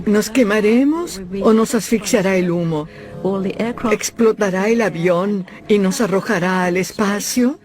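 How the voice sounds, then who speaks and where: An anxious male passenger in a documentary. His voice is high, with a Latin American Spanish accent, posing fearful rhetorical questions. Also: unhurried, a little mellow, soft background music. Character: anxious male passenger recalling fear of crashing.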